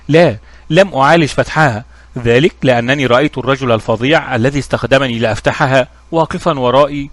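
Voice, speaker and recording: A terrified thief stumbles over his words and rushes to get them out, as a storyteller puts him on. He talks fast in a dry, close voice. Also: mid-range voice, fairly bright tone, no room sound, close to an everyday voice. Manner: stammering, rushed. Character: frightened stammering male thief.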